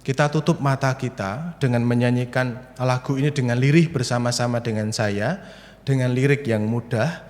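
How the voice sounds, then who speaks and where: A man's voice: mid-range voice, normal speed, a little mellow. A young male preacher giving a sermon, chatty and storytelling, talking to the congregation at home. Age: young adult. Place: church, streamed to people at home. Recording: reverberant church hall.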